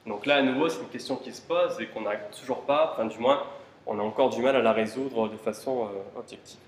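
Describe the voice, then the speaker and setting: A man's voice: medium pitch, fairly quick. Guy giving a laid-back conference talk, lots of questions to the crowd, roomy hall, a bit of background hum. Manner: casual, rhetorical questions, fillers like "quoi" and "ben". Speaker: conference speaker. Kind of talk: informal tech conference talk. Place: conference room. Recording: roomy hall with faint ambience.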